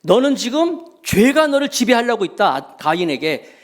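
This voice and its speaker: A middle-aged male pastor preaching a sermon emphatically, swinging between loud exclamations and hushed remarks. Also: extremely high pitch, very animated, moderate pace. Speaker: senior pastor.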